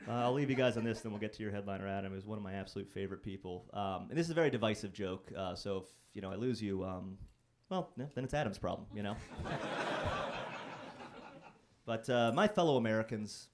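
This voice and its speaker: A man's voice: fairly low pitch, fast, background noise. A man performing a stand-up set on a comedy club stage, telling stories in a conversational, self-deprecating, wry way into a handheld mic.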